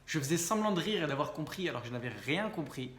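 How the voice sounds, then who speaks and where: A young French man talking casually to camera, chatty, with frequent fillers and quick self-corrections. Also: on the high side, lively intonation, a bit bright, echoey room. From France. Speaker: vlogger and speaking coach.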